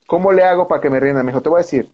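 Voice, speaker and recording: A Mexican-accented man spins a lively anecdote as a podcast guest, heavy on casual slang and quick impressions of the people he met. His voice sits a bit high for a man. The audio is dull and slightly lo-fi. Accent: Mexican Spanish. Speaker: film director guest. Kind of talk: animated storytelling anecdote.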